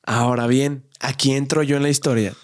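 A hoarse young man with a Mexican accent, telling a story as podcast co-host in casual chat, slangy and animated. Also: mid-range voice, a little fast. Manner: animated storyteller, slangy, acts out quoted voices.

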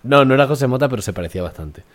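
A man's voice: medium pitch, lively intonation, rapid-fire. A man from Extremadura with a light Extremaduran Spanish accent, co-hosting a podcast in casual chat and telling stories with acted-out dialogue. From Extremadura, Spain. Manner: storytelling, acting out dialogue with laughs. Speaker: podcast co-host.

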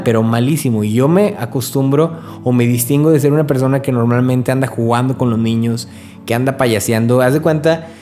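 Earnest man with a mellow voice. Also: mid-range voice. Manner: earnest, conversational, speaks straight to the listener. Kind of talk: spoken spiritual reflection. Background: faint background music.

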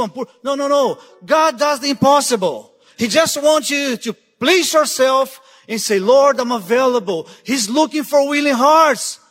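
A guest preacher with a high, somewhat bright male voice delivers a sermon in a church sanctuary. He speaks urgently, repeating "listen" to drive his points home, and the long church hall reverb carries every word.

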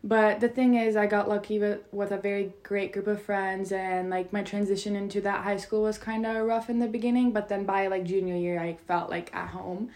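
A young woman from Turkey with a Turkish accent co-hosts a podcast, chatting casually and peppering her talk with "like." Her mid-range voice is a little mellow and fairly even in intonation, delivered briskly with hardly any pauses.

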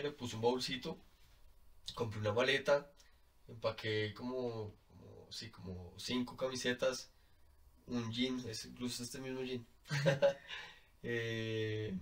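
Colombian man telling a story, distant mic. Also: medium pitch. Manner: animated, laughs often, fills with "como". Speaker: podcast guest. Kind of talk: casual storytelling.

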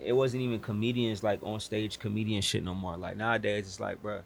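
Young American male, lowish gravelly voice, profane and emphatic street-slang conversation. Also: level tone, fairly quick. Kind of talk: casual chat.

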